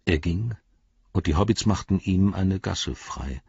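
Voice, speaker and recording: A man narrating an audiobook in a measured, grave way, in a dry, slightly dull recording. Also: sits low, animated, gravelly, darkish tone, husky, dry recording.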